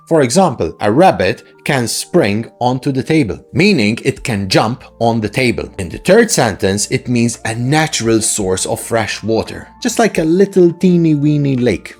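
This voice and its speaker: Teaching English, this man keeps things conversational, posing rhetorical questions and checking in with frequent "right?" tags. His voice is mid-range, husky, and somewhat dark in tone.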